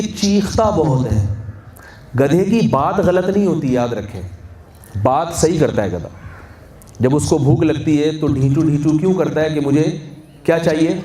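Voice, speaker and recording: A man's slightly high voice with a dark tone carries a sermon through a large wedding hall. He is an Islamic scholar with a Pakistani Urdu accent who quizzes the audience and answers himself. It's captured on a distant mic with echo and a faint hum.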